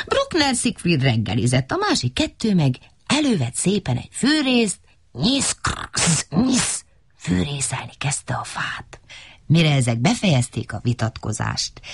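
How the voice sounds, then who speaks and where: A woman reading a children's story aloud as storyteller, animated and playful, with sound effects and character voices. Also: low-pitched, breathy edge, no room sound.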